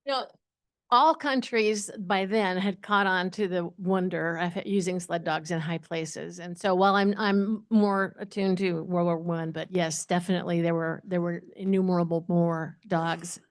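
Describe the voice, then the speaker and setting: A woman historian on a conference panel, answering questions briskly with a light, joking touch. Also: fairly low pitch, steady tone, no echo, studio quality.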